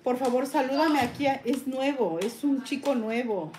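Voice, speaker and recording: Older woman reading stream comments, kinda high voice, sweet and chatty. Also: moderate pace, a little mellow, a little hiss or hum. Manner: affectionate, chatty, talks sweetly to pets and viewers.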